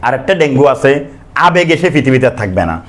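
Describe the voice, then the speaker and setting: A man's voice: mid-range voice, sing-song, a little fast. A man teaching a biology class, joking and chatty, often asking students to answer or repeat after him. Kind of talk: playful classroom lecture.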